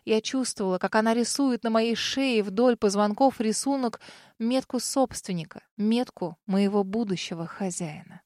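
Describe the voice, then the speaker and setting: A woman's voice: on the high side, moderate pace, dry recording, clean studio sound. Woman narrating a fantasy audiobook. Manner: expressive, with bursts of anger in the heroine's lines.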